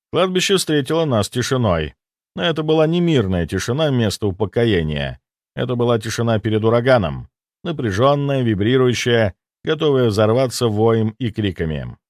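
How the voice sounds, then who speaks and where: A man narrates a first-person fantasy audiobook in a lively voice that swings freely up and down. His wry, deadpan asides sit close on a studio mic. The sound is dry, with no room behind it. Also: mid-range voice, moderate pace, no room sound.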